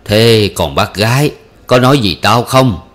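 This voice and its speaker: A sheepish young husband with a gambling habit in a read-aloud story, as a male narrator plays him. He asks questions warily, in a fairly low voice. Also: expressive, a little slow, fairly bright tone.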